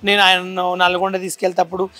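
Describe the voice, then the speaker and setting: A man in an interview, accusing and complaining in a quick, agitated way. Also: high voice, monotone, sharp tone, dry recording.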